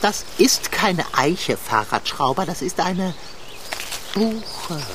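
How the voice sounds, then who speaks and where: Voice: mid-range voice, very animated, takes it slowly, background noise. A performer voicing a male tomcat in a radio play, a theatrical, know-it-all novelist with a gloomy, lofty way of talking, heard outdoors. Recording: outdoor nature ambience with loud crickets. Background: crickets and insects in the countryside.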